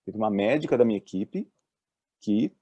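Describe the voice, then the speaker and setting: A man with a Brazilian accent, a doctor giving a talk on mental health at work, telling lively stories and voicing the people in them. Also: fairly low pitch, normal speed, no echo, muffled recording. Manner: lively storyteller, voices the people in his stories. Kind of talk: presentation with acted-out anecdotes.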